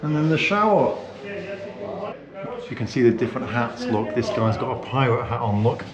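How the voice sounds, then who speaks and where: This clip has muffled sound and a loud crowd in the background. The same kind of casual walking-tour vlog plays out, with a British-accented male host rambling with plenty of fillers as he moves indoors through a hotel and its sauna cellar, filmed handheld. He speaks in a mid-range voice at an ordinary pace.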